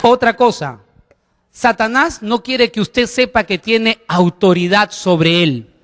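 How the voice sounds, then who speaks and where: A man's voice: high voice, slow pace, long reverb tail. A man preaching a sermon as pastor, emphatic, putting questions to the congregation.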